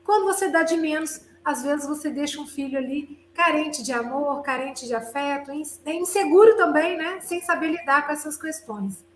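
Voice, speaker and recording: High-voiced woman host. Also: normal speed, few pauses. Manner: conversational, frequent tag questions. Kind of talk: reflective talk commentary. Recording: roomy recording with faint hum.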